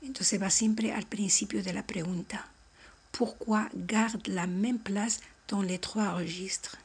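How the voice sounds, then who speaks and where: A woman teaching a French lesson, explaining grammar and slowly repeating model phrases for learners. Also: medium pitch, steady tone, slightly rough. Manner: slow, carefully articulated model phrases, each repeated. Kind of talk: language lesson.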